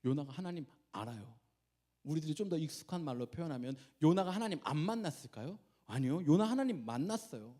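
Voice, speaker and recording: Animated male pastor preaching. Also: fairly high pitch, brisk. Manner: animated, asks the congregation questions. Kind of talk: sermon.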